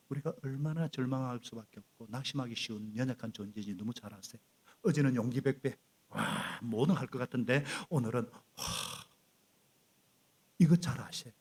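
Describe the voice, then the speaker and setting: A middle-aged male pastor preaching a sermon in a church, animated and prompting the congregation to repeat after him. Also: medium pitch, moderate pace, breathy edge. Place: church sanctuary.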